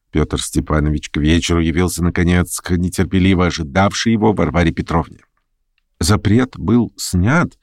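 Man reading a novel aloud, lowish voice that moves around a lot, super dry close sound. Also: dry recording. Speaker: audiobook narrator. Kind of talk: literary audiobook narration.

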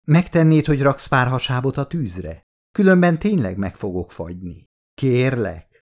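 A man's voice: on the low side, very animated, a little mellow. A male audiobook reader voicing a playful young woman who coaxes and pleads in a girlish, sulky way. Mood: coaxing. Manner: pleading, childlike coaxing. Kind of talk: audiobook character voice.

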